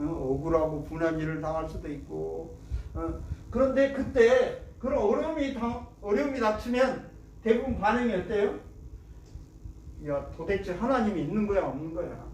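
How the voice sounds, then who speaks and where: High-voiced pastor preaching in a roomy church. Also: male voice, creaky, a little mellow, slight background noise. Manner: asks the congregation questions, acts out prayers and complaints. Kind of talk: sermon. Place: church sanctuary. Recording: roomy church sound from a distant mic.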